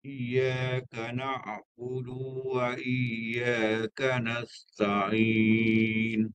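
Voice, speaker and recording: Older male student on a video call, slow careful chant, even and clear. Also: medium pitch. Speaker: adult student. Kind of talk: Quran recitation practice.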